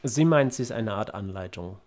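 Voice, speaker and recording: A man narrating calmly and descriptively as game master of a tabletop game. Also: on the low side, normal speed.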